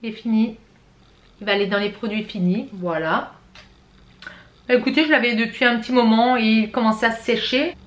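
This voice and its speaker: Chatty middle-aged french woman doing her makeup on camera, kinda high voice, fixes her words as she goes. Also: a little fast, long pauses. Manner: chatty, self-correcting, addresses viewers directly. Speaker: beauty vlogger. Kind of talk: makeup tutorial chat.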